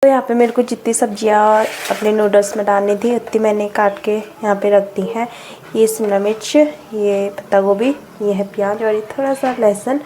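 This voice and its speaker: A woman's voice: medium pitch, steady tone, moderate pace, dark tone, a little hiss or hum. A young woman chatting casually as a vlogger, talking along while she cooks and teasing family members playfully. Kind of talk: casual cooking vlog narration.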